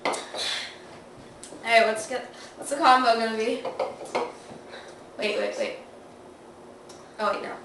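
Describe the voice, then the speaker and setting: A woman's voice: on the high side, steady tone, slow, pauses often, fairly bright tone. A woman bantering casually and giggling, with slangy talk, picked up by a distant mic in a very echoey, noisy room. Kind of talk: casual banter during a burping contest.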